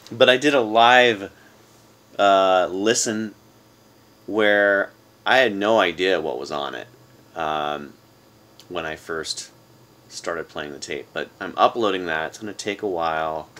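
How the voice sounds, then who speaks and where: A man's voice: low-pitched, takes it slowly, long pauses, fairly bright tone. A man in his forties chatting casually to the camera in a rambling way, recorded on a phone in a room at home. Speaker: vlogger. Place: small room indoors at home.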